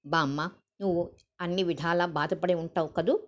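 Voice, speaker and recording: A woman's voice: fairly low pitch, steady tone, moderate pace, close to an everyday voice. Lady putting on a weak frightened young woman, anxious and pleading, muffled lo-fi sound. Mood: relieved. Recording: dull lo-fi recording.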